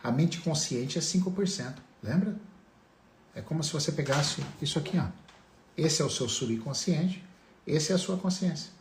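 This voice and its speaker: A man's voice: fairly high pitch, lively intonation, normal speed, roomy sound, a little hiss or hum. A man giving a motivational talk on family healing, asking his listeners direct rhetorical questions.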